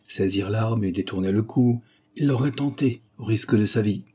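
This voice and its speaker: Low husky guy reading a detective novel out loud, measured and dramatic. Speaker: audiobook narrator. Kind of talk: scripted narration of a detective novel.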